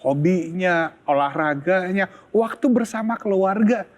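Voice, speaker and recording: High-pitched man pitching in an infomercial. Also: lively intonation, measured pace. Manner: persuasive, urging viewers directly. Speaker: TV shopping host.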